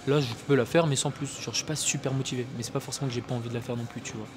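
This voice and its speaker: A man's voice: mid-range voice, steady tone, racing. A man in his twenties, a fitness vlogger chatting casually and a bit scattered to the viewer at the gym. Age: 20s. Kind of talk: casual gym vlog chat.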